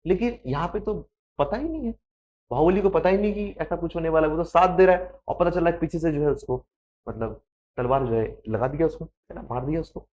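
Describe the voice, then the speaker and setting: Male tutor, fairly high voice, lively explainer who asks rhetorical questions. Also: brisk, highs cut off. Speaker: teacher. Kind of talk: exam-prep lesson explaining English idioms.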